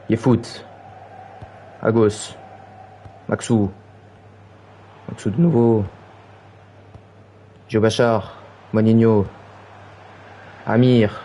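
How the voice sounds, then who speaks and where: A young man commentates his own football video game like a broadcaster, calling out player names in a low, mellow voice. His tone is dark and relaxed, with faint noise under the desk mic. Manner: low calm play-by-play that rises to high shouted goal calls. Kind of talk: mock play-by-play football commentary.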